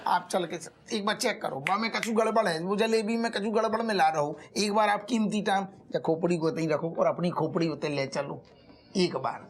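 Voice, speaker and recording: A man's voice: sits high, normal speed, lightly acted. A man playing a blustering rustic village cop. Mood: pleading. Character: bumbling rustic male police constable, blustering. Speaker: police constable in a sitcom.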